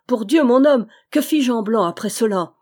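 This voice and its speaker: A woman's voice: a little high, lively intonation, normal speed, a little mellow. A woman reading a fervent old squire. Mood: pitying. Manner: exclaiming, fervent. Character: emotional middle-aged male squire, big-fisted.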